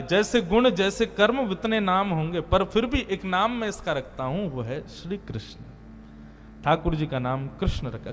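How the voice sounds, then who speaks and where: A man's voice: high voice, slight background noise. A man delivering a sermon, telling a devotional story and chanting verses. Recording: long hall reverb with soft music behind.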